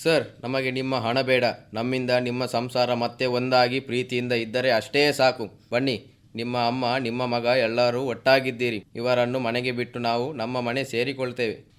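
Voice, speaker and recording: A man plays a good-natured young man who only pretends to be a kidnapper, in a radio drama. His voice is mid-range, and his delivery is earnest and gently persuasive. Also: medium pitch, flat delivery, normal speed, clear, resonant tone, close to an everyday voice. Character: kind-hearted young man posing as a kidnapper.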